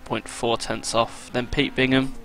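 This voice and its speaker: Young guy, bright tone, casual sim-racing co-host, light hiss on the line. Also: medium pitch, measured pace. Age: 20s. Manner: relaxed, chatty, reads out lap times with fillers. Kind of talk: casual race commentary.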